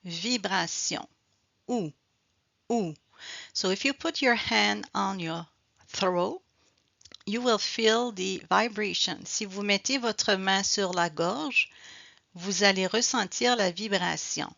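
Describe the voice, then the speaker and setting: A woman teaching French pronunciation, repeating each sound and word slowly and explaining in both French and English. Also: mid-range voice, gravelly, sharp tone, dry recording. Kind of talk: slow bilingual pronunciation lesson. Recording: dull, slightly lo-fi dry recording.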